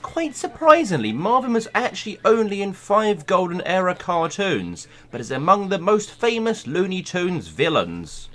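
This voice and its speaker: A man hosting a video, reading a scripted countdown narration in a playful, lively way. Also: high-pitched, moderate pace, few pauses. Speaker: YouTube host.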